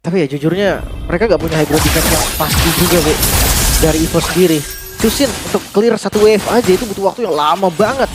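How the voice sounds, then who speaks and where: Fast-talking Indonesian male esports caster. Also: sits high. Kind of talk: live esports commentary. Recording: loud music behind the voice. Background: loud music.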